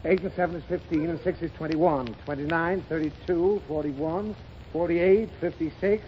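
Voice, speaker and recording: In a 1930s radio comedy, a man plays a father trying to do his taxes, flustered, sputtering and theatrically exasperated. His voice is a little high and close to everyday speech, at a normal speed. The broadcast sounds dull, with hiss and a studio audience.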